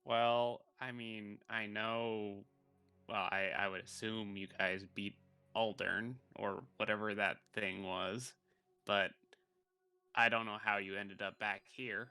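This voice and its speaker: A man's voice: fairly low pitch, little pitch movement, takes it slowly, sharp tone, clear, resonant tone, no room sound. A man playing a tabletop role-playing game, chatting casually in and out of character.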